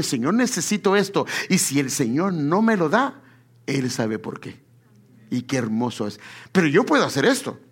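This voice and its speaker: A man preaching a sermon, speaking to the congregation as brothers and asking them rhetorical questions, drawing out key words slowly for emphasis. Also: fairly high pitch, husky. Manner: addresses listeners as brother, asks rhetorical questions.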